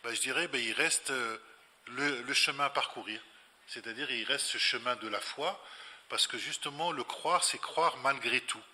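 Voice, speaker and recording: This guest scholar at a public talk offers an unscripted, explanatory answer, reflective and didactic, with repeated phrases for emphasis. His mid-range voice has a sharp tone and moderate pace, heard in a reverberant hall.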